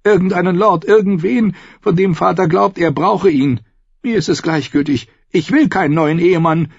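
A man's voice: high voice, normal speed, creaky, slightly rough, no room sound, pitched above the performer's own voice, heavily acted. A man voicing a proud, desperate adult queen in a raised voice, pleading and scornful by turns, in an audiobook reading. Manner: pleading, then scornful and biting. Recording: dull lo-fi, dry.

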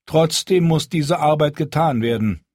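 A man voicing a young, proud and stubborn queen in an audiobook, speaking firmly with a raised pitch. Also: unhurried, a little mellow, no echo, studio quality. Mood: resolute. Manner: raised pitch, firm commanding delivery. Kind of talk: audiobook character voice.

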